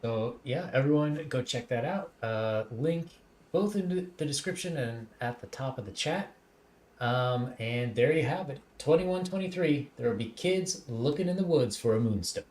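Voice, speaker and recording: A man's voice: mid-range voice, moderate pace. A man hosting a casual livestream interview, chatting loosely and plugging upcoming shows. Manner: relaxed, chatty, plugs upcoming streams. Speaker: host.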